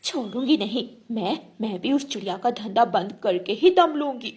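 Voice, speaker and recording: A woman's voice: fairly high pitch, animated, normal speed, darkish tone, breathy edge. A woman voicing a proud, scheming female crow in a children's cartoon story, haughty and scornful.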